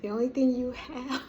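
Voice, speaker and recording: A middle-aged woman vlogger telling a personal story in a casual, animated way, often laughing and praising. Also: high-pitched, background noise. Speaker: vlogger sharing a testimony.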